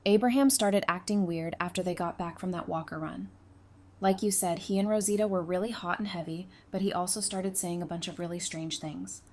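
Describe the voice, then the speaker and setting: An actress with a lowish, darkish, natural voice speaks briskly in a fan audio drama. She plays a candid, caring, perceptive woman who talks in a frank, casual way, and she sounds like she is figuring something out.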